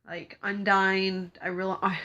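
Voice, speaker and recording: Young female vlogger, stuffy from a cold, chatty and giggly, bright tone. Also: medium pitch, flat delivery, unhurried, highs cut off. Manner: rambling, giggly, lots of fillers. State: congested from a cold. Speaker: cosplay vlogger. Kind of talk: casual chat to camera.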